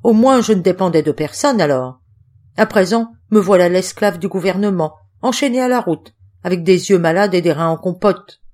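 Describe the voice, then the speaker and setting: A woman voicing a hungover, grumbling middle-aged male roadman who whines and complains loudly in an audiobook. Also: on the low side, animated, moderate pace. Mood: grumbling, complaining. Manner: whining, complaining, loud.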